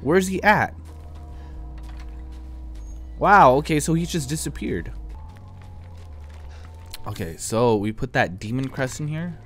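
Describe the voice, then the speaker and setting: A man's voice: medium pitch, lively intonation, slow, long pauses, a bit bright, faint music behind. A young man giving casual, reactive let's play commentary into a headset, full of exclamations. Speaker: gaming streamer. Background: video game sounds.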